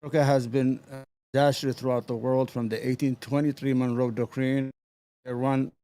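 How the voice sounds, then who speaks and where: A man's voice: mid-range voice, level tone, a little fast, dark tone. A man giving his opening statement as a guest in an online debate. His volume jumps up and down because his mic keeps cutting out, and he halts and repeats words when he gets stuck. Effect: uneven volume from a mic that keeps cutting out. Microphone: home computer mic with noise gate.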